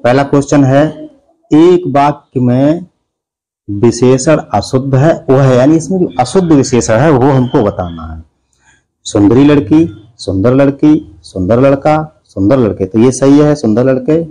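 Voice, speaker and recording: Mellow-voiced Hindi teacher man. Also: medium pitch, low-quality recording. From India. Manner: explains step by step, asks and answers own questions. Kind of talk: exam prep Hindi grammar lesson.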